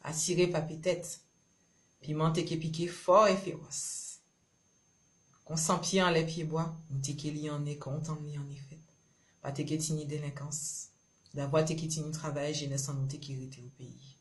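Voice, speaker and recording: Performing spoken-word love poetry, a Guadeloupean poet from Marie-Galante speaks with a Creole accent in short, rhythmic, incantatory phrases. Her voice sits low, with little pitch movement, at a normal speed.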